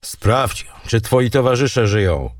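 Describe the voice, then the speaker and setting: A man's voice: mid-range voice, expressive, takes it slowly, dry recording, clean studio sound, distant mic. A man voicing a proud young Norse king who gives terse, stern commands, read in an audiobook.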